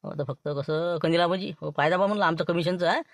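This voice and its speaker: A man with a Vidarbha Marathi accent talking in a low-key, scheming way in a comedy sketch dialogue. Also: fairly even intonation, quick pace, no room sound, studio quality.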